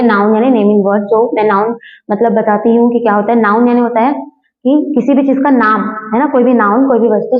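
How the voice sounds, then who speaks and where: Going over every point several times, a woman patiently explains English grammar, asking questions and supplying the answers herself. Her voice is a little high, and the sound is dull and lo-fi with room echo.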